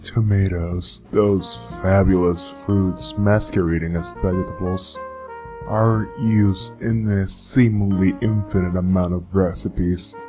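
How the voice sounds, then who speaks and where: A man putting on a seductive, muffled voice to read a how-to guide, slow and low like a smooth purr. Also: fairly even intonation, music in the background. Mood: sultry. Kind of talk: scripted how-to reading in a put-on voice.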